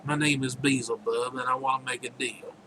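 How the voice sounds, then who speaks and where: A man's voice: mid-range voice, flat delivery, brisk, background noise, close to an everyday voice. Beelzebub, a man's put-on southern devil. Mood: sly. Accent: American Southern. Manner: folksy, drawling. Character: male devil with a deep-south drawl, dealmaking.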